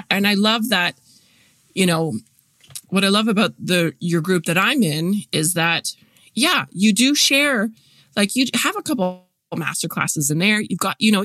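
Woman, podcast host, casual interview, rambling restarts, lower voice, dry close sound. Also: fairly bright tone, no room sound. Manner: chatty, many fillers and restarts, agreeable.

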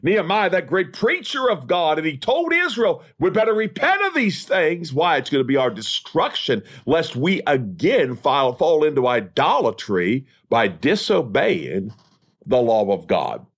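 Husky and on the high side, the preacher's voice is very animated yet a little slow. He is an evangelist and podcast host delivering an expository sermon emphatically, repeating rhetorical phrases.

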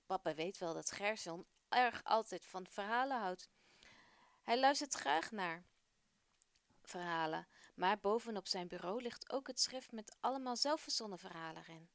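A woman hosting a children's radio program, reading a family story aloud in clear, warm storytelling. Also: medium pitch, lively intonation, normal speed, no echo. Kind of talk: scripted story narration for children.

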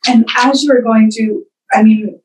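A woman's voice: fairly high pitch, steady tone, a little slow, a little hiss or hum. Podcast host lady, encouraging, sounds a bit far from the mic. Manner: warm, encouraging, affirming. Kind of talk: supportive interview chat.

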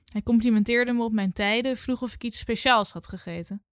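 A woman in her twenties reading her own literary story aloud in a calm, measured way. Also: on the high side, no room sound, clean studio sound. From Netherlands. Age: 20s.

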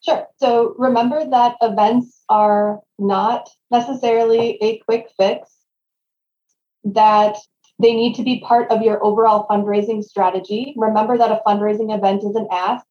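A woman's voice: medium pitch, level tone, moderate pace. A woman speaking as a consultant guest in a conversational podcast interview, on a roomy, slightly dull recording.

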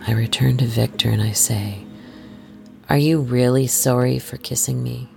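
The host of an adult story series narrates a scripted first-person tale in a medium-pitched voice with fairly even intonation, with music playing behind. The delivery stays hushed, measured and intimate, drifting at times into breathy whispers.

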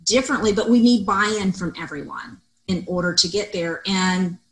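A middle-aged woman co-hosting a podcast, a loud and expressive talker in casual discussion. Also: medium pitch, moderate pace, low-quality recording. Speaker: podcast co-host.

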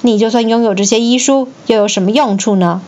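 A woman's voice: fairly high pitch, brisk, darkish tone, highs cut off, lightly acted. A woman voicing a scornful, practical jailer's wife who talks dismissively in a children's story reading.

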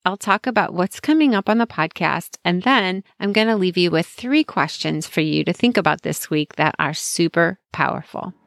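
A woman's voice: fairly low pitch, lively intonation, moderate pace, gravelly, hardly any pauses. A middle-aged woman hosting a motivational podcast, telling stories in an upbeat, chatty way with frequent laughter, close to the mic. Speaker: podcast host. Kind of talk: casual motivational podcast chat.

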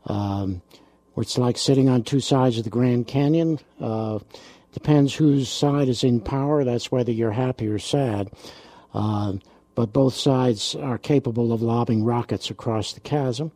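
A man hosting a radio talk show, speaking in a relaxed way with frequent ums and uhs. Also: mid-range voice, unhurried, dry recording.

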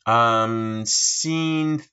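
Man, podcast quiz host, very slow, hesitant, fillers, bright tone. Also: mid-range voice, smooth. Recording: dull lo-fi recording.

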